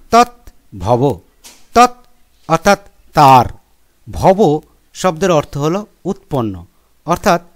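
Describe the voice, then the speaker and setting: A male teacher gives a classroom lesson in a fairly high voice that rises and falls a lot. He explains step by step and reads out long lists of example words at an unhurried pace. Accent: Bengali. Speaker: school teacher.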